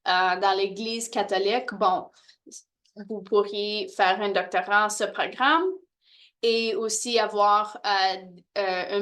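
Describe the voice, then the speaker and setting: A woman presenting university programs to prospective international students, pausing often with fillers and restarting phrases. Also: medium pitch, fairly bright tone. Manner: hesitant, many fillers and restarts.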